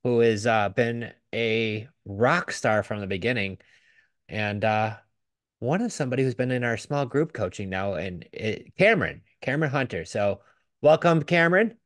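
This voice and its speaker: A man's voice: medium pitch, animated, normal speed, no room sound, studio quality. A man co-hosting a podcast, welcoming a guest and asking questions in a loose, upbeat way. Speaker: podcast co-host.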